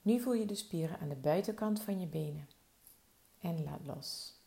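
A woman leads a slow body-relaxation meditation in a soft, soothing way. Her voice is low and mellow, with a heavy gravelly fry. She lets each instruction settle before moving on. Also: lively intonation. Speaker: relaxation guide.

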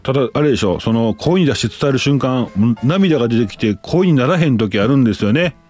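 A man's voice: medium pitch, expressive, fairly quick, darkish tone, faint music behind. A man with a Kansai accent hosting a casual talk show, reading listener letters aloud and chatting about them with his own asides. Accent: Kansai Japanese. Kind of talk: casual chat.

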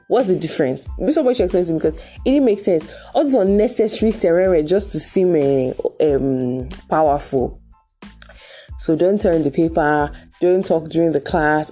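Animated young Nigerian woman vlogging. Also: sits low. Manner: animated, expressive, talks straight to viewers. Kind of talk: casual storytelling vlog.

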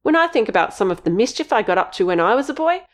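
A woman reading an audiobook, voicing a calm, shrewd middle-aged father who talks in a measured, soothing way. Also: on the high side, pitched above the performer's own voice.

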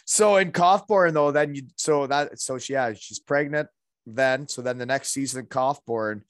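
A Canadian-accented man, a former hockey player, hosts a casual interview, bantering in hockey-bro slang and often adding "eh." His medium-pitched voice moves at a normal speed in a studio-quality recording with no echo.

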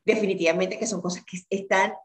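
A woman's voice: mid-range voice, steady tone, quick pace. Earnest woman telling her story. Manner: earnest, repeats words for emphasis. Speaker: guest. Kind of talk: emotional personal storytelling.

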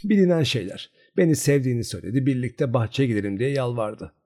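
A man's voice: mid-range voice, expressive, fast talker, warm tone, natural voice. A man reading aloud, voicing a shy but proud young peasant girl who answers her friend stubbornly. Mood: confiding.

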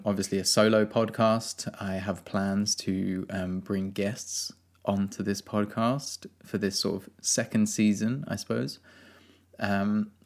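A man's voice: low-pitched, gravelly. A young man hosting a solo podcast, talking in an earnest, rambling way with many ums and uhs. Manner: soft-spoken, rambling, earnest, with many fillers. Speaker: podcast host.

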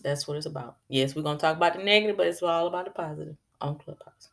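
Woman, gravelly voice, lowish pitch, chatty advice talk, preachy, casual asides. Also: fast talker, fairly bright tone. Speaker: speaker giving advice.

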